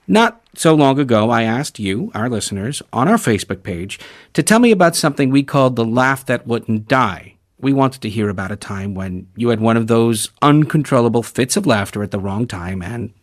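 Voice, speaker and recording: A man hosting a radio program, reading scripted links and putting questions to a guest in a measured way that drops at the ends of phrases. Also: mid-range voice, expressive. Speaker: radio show host. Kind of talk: scripted radio presenting and interviewing.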